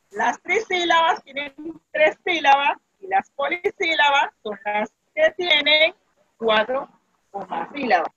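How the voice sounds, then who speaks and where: A Colombian-accented primary school teacher runs an online class in a high, fairly bright voice, chatty, fond of diminutives, and often restarting her sentences. The audio is dull, dry video-call sound with no room echo.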